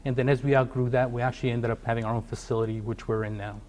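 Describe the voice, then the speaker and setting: A man's voice: mid-range voice, fairly even intonation, very fast, a little mellow. A middle-aged man from Portugal, a company founder, speaking in a TV business interview with many fillers and restarts. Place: TV studio.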